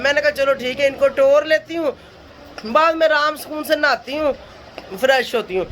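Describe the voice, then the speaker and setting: A woman's voice: sits high, a bit bright, slight background noise. A woman from Pakistan, chatting to camera in a casual family vlog, tired, laughing often and calling out to relatives. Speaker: family vlogger.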